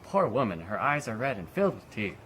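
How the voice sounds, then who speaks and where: A man playing an angry villager rousing a mob, shouting commands, in an amateur play. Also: on the low side, sing-song, a little fast, slight background noise. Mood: worried.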